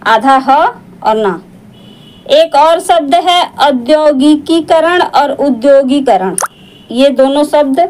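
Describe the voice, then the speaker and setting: A woman teacher giving an exam-prep spelling lesson, repeating each word slowly to correct common mistakes. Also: high voice, darkish tone, rough recording.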